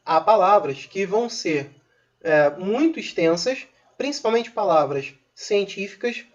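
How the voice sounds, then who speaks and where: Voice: medium pitch, expressive, unhurried. A teacher, patiently explaining a recorded grammar lesson with informal asides to viewers. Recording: dull lo-fi recording.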